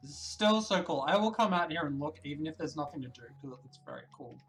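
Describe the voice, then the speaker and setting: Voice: medium pitch, fast talker, soft background music, poor audio. Streamer reading game text aloud. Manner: reads narration in a quiet, even tone, breaks into excited asides.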